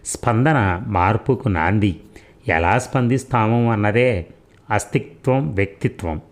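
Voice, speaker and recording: Measured low male storyteller. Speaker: narrator. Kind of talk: audiobook story reading.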